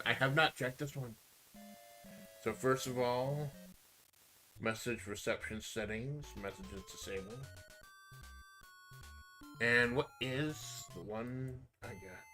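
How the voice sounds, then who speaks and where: Bright-voiced laid-back man streaming. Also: mid-range voice, low-quality recording. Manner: laid-back, swears freely; mumbles at times. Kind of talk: casual live-stream chat.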